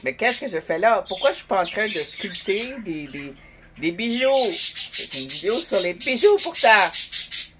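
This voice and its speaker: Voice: medium pitch, sing-song, normal speed. A Québécois vlogger chatting casually while working at home, joking, rambling and laughing often, with pet birds squawking in the background. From Quebec. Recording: noisy home recording with bird squawks.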